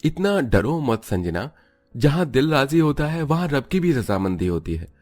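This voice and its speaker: A man's voice: medium pitch, sing-song, normal speed, a little mellow, soft background music. A man voicing a protective young husband in a cartoon story, reassuring and firm.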